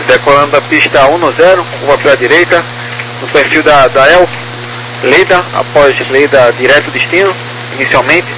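Brazilian man reading clearances over noisy radio. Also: a little high, normal speed. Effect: aviation radio transmission. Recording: noisy aviation radio with background hum.

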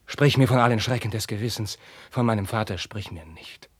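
An actor playing a tormented young prince in a classic German radio play, moving from hushed whispers to impassioned outbursts. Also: male voice, fairly low pitch, fairly quick, breathy edge, no room sound, clean studio sound.

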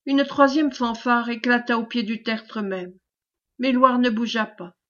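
Woman, audiobook narration, measured storytelling, fairly high voice, dull recording. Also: steady tone, a bit bright. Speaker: audiobook reader. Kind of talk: scripted novel narration.

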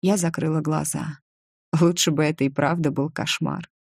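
A woman reads a first-person novel aloud, her voice low and mellow. She reads with feeling, and the sound is dry and close to the mic. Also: normal speed, vocal fry, dry recording. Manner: expressive, emotional reading. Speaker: audiobook narrator. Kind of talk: first-person audiobook narration.

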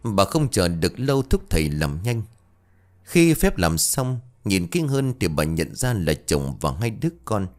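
A man narrates a ghost story in a dramatic, expressive way. His voice is low and deep, and his pitch swings widely as he reads. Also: a little slow.

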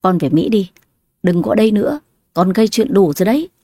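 Brief: stern weary old father, dark dry tone, voiced by a woman narrator. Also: mid-range voice, animated, quick pace, dry recording, close to an everyday voice. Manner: stern and firm.

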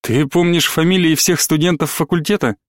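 A man reading an audiobook, voicing a frightened, tearful young woman in a quiet, soft way. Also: fairly high pitch, moderate pace, no room sound, clean studio sound, lightly acted. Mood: tense. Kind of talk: audiobook character voice.

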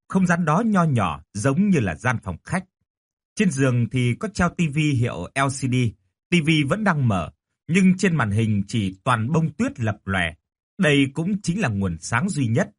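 A man reading a horror audiobook with an expressive, dramatic delivery. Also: mid-range voice, husky. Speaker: narrator.

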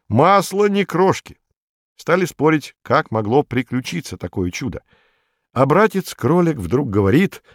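A man's voice: medium pitch, no echo, studio quality. Man reading a folk tale expressively. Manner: expressive, lively storytelling voice. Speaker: storyteller.

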